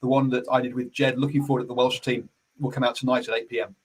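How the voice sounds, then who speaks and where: A man's voice: mid-range voice, little pitch movement, fast, breathy edge, low-quality recording. A man hosting a casual rugby radio chat, hesitant with many fillers and restarts. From New Zealand. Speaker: sports radio host.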